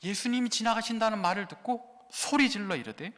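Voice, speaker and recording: A man, a pastor, preaching a sermon in a dramatic way with rhetorical questions, swinging from loud to hushed. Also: high-pitched, animated, a little fast. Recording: long reverb of a large hall.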